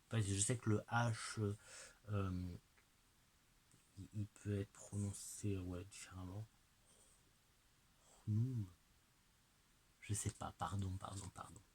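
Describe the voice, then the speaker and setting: Man, slow-paced, halting delivery, casual card-showing chat, occasional whispers. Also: fairly low pitch, fairly even intonation, darkish tone, slight background noise, poor audio. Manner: hesitant, halting, addresses the viewer directly. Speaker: oracle card presenter.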